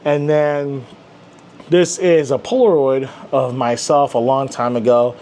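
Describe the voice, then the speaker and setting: Young male vlogger, easygoing and rambling, mid pitch, faint room hum behind him. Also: steady tone, a little slow, a little mellow. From Filipino heritage. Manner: chatty, rambling, with many fillers. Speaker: comic channel host. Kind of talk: casual desk tour vlog.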